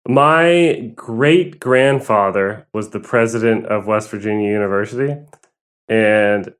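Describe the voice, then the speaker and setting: In a laid-back interview, this young Southern Californian musician tells his story in a wandering, unsure way, filled with fillers and laughs. He speaks slowly, with a low, smooth voice.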